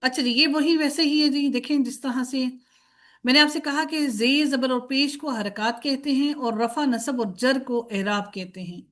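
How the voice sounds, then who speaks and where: A woman's voice: high voice, a bit bright. A woman teaching Arabic grammar in a recorded lecture, patiently chanting word forms in drills and posing questions she answers herself, with English words mixed in.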